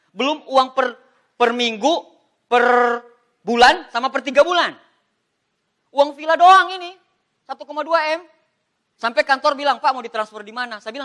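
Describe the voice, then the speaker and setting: Man, middle-aged, high pitch, bright and forceful tone, motivational seminar speaker, animated, joking. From Indonesia. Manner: animated, showing photos, joking with the audience. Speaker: network marketing motivational speaker.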